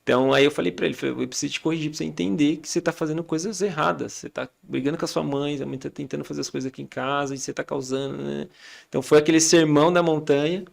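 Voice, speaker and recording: Brazilian man in his thirties, podcast guest, very gravelly, talks fast, acts out family scenes. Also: fairly high pitch, steady tone. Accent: Brazilian Portuguese. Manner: storytelling, acting out family dialogue. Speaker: podcast guest, father and church leader. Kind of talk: casual chat.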